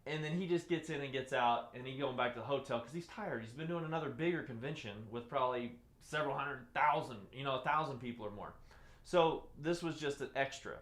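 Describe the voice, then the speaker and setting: A man teaching a live-streamed lesson, repeating key phrases and moving between loud excited bursts and soft, low delivery. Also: a little fast. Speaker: presenter teaching webinar skills. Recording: roomy echo.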